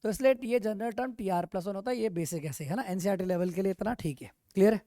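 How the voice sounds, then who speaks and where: Lively male math teacher in a classroom. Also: high voice, fast talker, no room sound, clean studio sound. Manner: animated, peppered with rhetorical questions. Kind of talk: classroom lecture. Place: classroom with online students.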